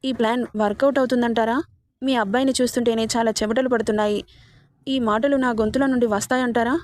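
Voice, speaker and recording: A woman's voice: a little high, steady tone, fast talker, no room sound, close to an everyday voice. A woman voicing an innocent, childlike young bride-to-be in a storybook reading. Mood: anxious. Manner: naive and childlike.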